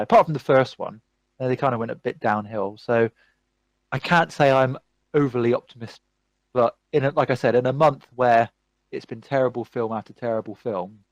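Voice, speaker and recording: A man hosts a casual podcast chat, rambling and ranting with lively enthusiasm. His voice sits at an ordinary middle pitch. The sound is dry and close, with no room echo. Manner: animated, rambling movie ranting. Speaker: podcast host.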